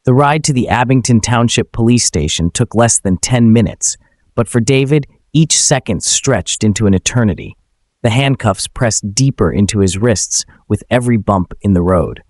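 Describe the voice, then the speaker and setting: A man reading dramatic, suspenseful narration in a measured way. His voice sits low but rises and falls with lively movement. The sound is dry and close, with no room echo.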